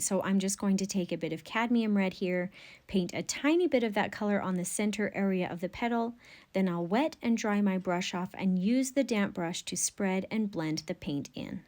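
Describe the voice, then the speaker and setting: A woman narrating a step-by-step painting tutorial as a gentle, encouraging instructor. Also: medium pitch.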